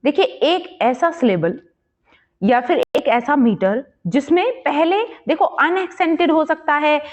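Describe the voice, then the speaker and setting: A woman teaching English literature exam prep, explaining step by step and posing quiz questions, reading English passages slowly. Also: high-pitched, lively intonation. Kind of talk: exam-prep lesson in Hindi-English mix.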